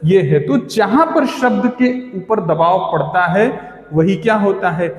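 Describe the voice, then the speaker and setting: A man with an Indian accent teaching an online lesson, explaining slowly and repeating himself while quizzing the viewer. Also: sits high, animated. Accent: Indian English. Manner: slow, repetitive, quizzing the viewer. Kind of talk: video lesson, mixing Hindi and English. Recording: echoey room with long reverb.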